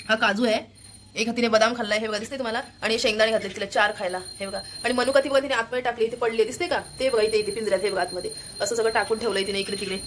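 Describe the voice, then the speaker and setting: A woman's voice: a little high, noisy background. A woman chatting casually to viewers while cooking in her home kitchen, filming on a phone held in her hand and keeps pointing things out. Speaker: family vlogger.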